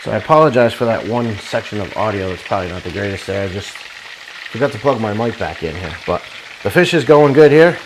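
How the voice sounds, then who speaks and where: A man's voice: on the low side, animated, brisk, noisy background. Folksy man chatting over sizzling frying. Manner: folksy, chatty, addresses viewers as guys. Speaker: cooking vlog host. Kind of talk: casual cooking vlog, talking while frying. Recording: clear frying sizzle, uneven mic level. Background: sizzling oil in a frying pan.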